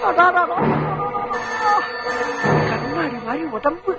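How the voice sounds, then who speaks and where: A man's voice: very high voice, slow. An actor playing a fussy middle-aged man in a film comedy, grumbling and exclaiming in exasperation. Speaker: comic film character. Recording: film soundtrack with loud music.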